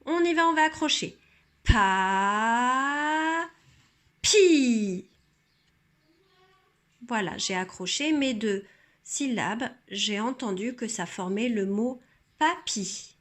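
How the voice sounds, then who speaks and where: A woman teacher walks through a reading exercise step by step. She talks slowly and deliberately, stretching out each sound so a child can follow. Her voice sits a little high. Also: expressive, a bit bright. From France. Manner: slow, careful explaining with sounds drawn out. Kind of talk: instructional demonstration.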